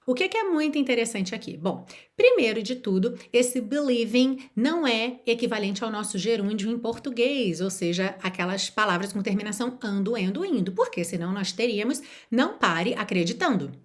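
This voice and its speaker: Teaching online, this woman from Rio de Janeiro speaks straight to the viewer with encouragement in a very animated, fairly high voice. For each example phrase, the language teacher slows down to demonstrate it and says it again.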